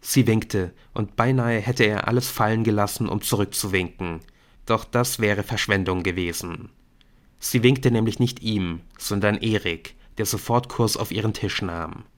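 Low-voiced male audiobook narrator. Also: unhurried. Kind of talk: scripted narration of a novel.

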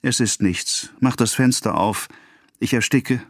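A man's voice: medium pitch, measured pace, dry recording, studio quality, voice pushed up, lightly acted. A man voicing a dying young wife, her words strained and breathless with pleading.

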